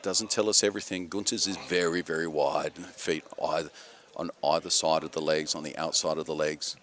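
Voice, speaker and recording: A man giving live, unscripted sports commentary in a halting, measured way, repeating phrases. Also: a bass voice, fairly even intonation, a bit bright.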